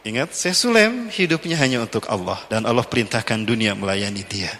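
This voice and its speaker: A man telling a story in a sermon in a lively way, acting out the characters. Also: fairly low pitch, brisk. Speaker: preacher. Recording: echoey hall.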